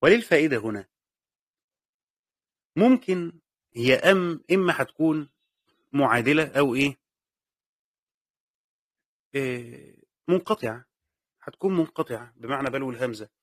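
A man's voice: medium pitch, lively intonation, normal speed, long pauses, dry recording, clean studio sound. A man with an Egyptian accent teaching a lesson on Quranic exegesis. He explains step by step, repeats key phrases, and asks and answers his own questions. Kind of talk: classroom lesson commentary.

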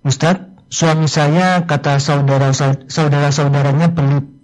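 A man's voice: on the high side, fairly even intonation, moderate pace, darkish tone. A man moderating a radio Q&A, politely reading out a listener's question while his audio clips and breaks up with distortion. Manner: polite, formal, addresses the teacher often. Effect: clipping, distorted, breaking-up audio.

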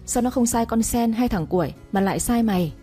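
A woman's voice: on the high side, lively intonation, a little fast, dark tone, faint music behind, pitched above the performer's own voice, lightly acted. A woman voicing a stern, harsh old master of the house who barks questions.

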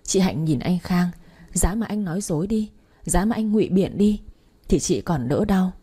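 Low husky woman telling a drama story. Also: normal speed. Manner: steady dramatic reading. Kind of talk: first-person story narration.

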